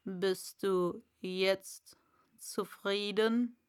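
A woman reading a storybook and voicing a haughty caterpillar that drawls slowly in a low, breathy half-whisper. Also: fairly even intonation.

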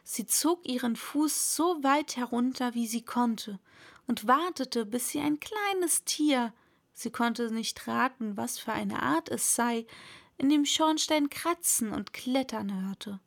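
A woman narrating a storybook in a measured way, sometimes softening to a whisper. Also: a little high, animated, vocal fry. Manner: slow, measured, drops to a whisper at times. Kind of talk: storybook reading.

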